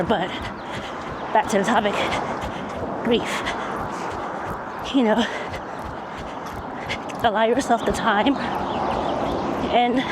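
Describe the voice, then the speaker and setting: A person talking in halting phrases while running outdoors, recording a casual, reflective vlog monologue. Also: medium pitch. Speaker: vlogger. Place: outdoors, on a run. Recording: clear outdoor noise, passing vehicles.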